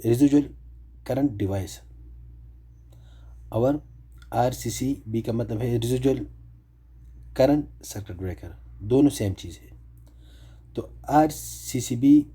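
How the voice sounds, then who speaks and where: A man's voice: on the low side, dark tone, breathy edge. A man explaining electrical breakers step by step, asking and answering his own questions. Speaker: electrical tutorial presenter.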